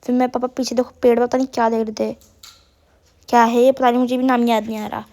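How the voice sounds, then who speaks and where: A woman's voice: fairly high pitch, level tone, fast, dark tone. A young woman vlogger with a sore throat, chatting through a self-mocking voice-over about her family day. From Uttarakhand hills, India. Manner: chatty, self-mocking, addresses viewers as guys. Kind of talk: casual voice-over narration.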